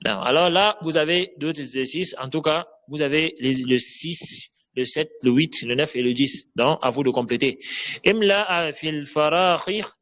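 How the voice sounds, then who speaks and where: A man teaching an online Arabic lesson, explaining slowly and checking often that students follow. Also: mid-range voice, a bit bright.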